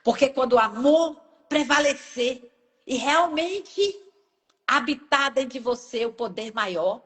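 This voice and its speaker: A woman's voice: sits high, animated, a little slow, fairly bright tone. A woman preacher from Brazil with a Brazilian Portuguese accent, giving an emotional, emphatic sermon with personal testimony. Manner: emotional, emphatic, rising and falling sharply.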